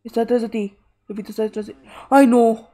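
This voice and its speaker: A woman's voice: fairly high pitch, fairly even intonation, fairly quick, mellow. A young woman commenting on a horror game, full of jittery, scared exclamations and chatty asides. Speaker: gaming streamer.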